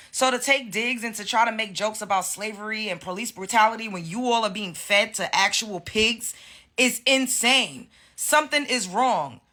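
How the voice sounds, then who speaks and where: A woman's voice: on the high side, pushed and bright. A woman from Brooklyn, delivering a heated, confrontational rant full of swearing. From Brooklyn, New York. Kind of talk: angry social media rant.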